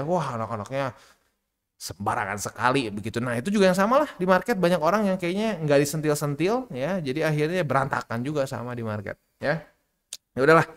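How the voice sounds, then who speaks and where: Brief: male crypto host, casual monologue, blunt and teasing, voice pitched a bit high, pops up into shrill mock scolding.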